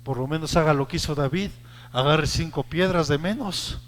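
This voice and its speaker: A man, a pastor with a Mexican Spanish accent, preaching a sermon to his congregation, rising to shouted peaks and acting out the voices he quotes. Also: a little high, normal speed, long reverb tail. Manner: addresses the congregation directly with call-and-response prompts.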